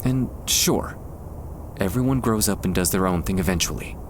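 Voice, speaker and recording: A deep-voiced man, only lightly acting, takes on the role of a tender, nervous young man and childhood best friend for an ASMR boyfriend roleplay. Anxious and confessing, he delivers an intimate monologue haltingly, with hesitations and trailing pauses. Behind him is faint, soft outdoor park ambience.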